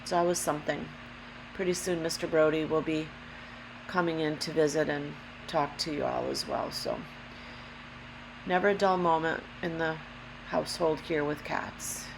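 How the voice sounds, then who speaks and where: Gravelly, low-pitched woman giving a craft tutorial. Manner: unhurried, careful explaining with apologetic asides. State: allergy-affected voice, throat clearing. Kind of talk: casual step-by-step craft demonstration. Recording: steady background hum, lawnmower noise. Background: lawnmower and hum.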